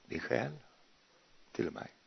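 A man voicing the Lord as a gentle, calm male voice who asks quiet questions. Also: lightly acted. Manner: soft, slow, quietly questioning. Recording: muffled, dull recording.

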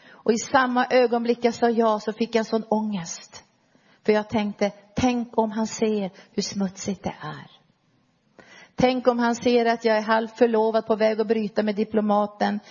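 A middle-aged woman preacher telling her conversion story in an earnest, storytelling way, dropping low and soft at key moments. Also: gravelly, husky, lo-fi sound. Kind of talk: personal testimony sermon.

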